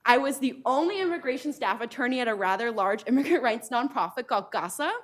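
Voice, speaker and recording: Woman law prof, 30s, earnest panel intro, kinda high voice, says um a lot. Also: animated, fast talker. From United States. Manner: earnest, frequent ums, light laughs. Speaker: law professor. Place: lecture hall event.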